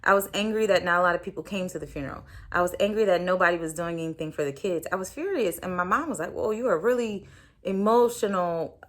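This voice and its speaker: A woman's voice: lowish voice, expressive, racing, hardly any pauses, fairly bright tone. A woman in her thirties, a podcast host, telling a personal story in a candid, reflective way, with many fillers.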